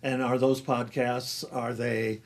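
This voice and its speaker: A man hosting a podcast, asking questions in a relaxed, rambling way and often clearing his throat. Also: mid-range voice, slow pace. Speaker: podcast host and author. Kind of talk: casual interview chat.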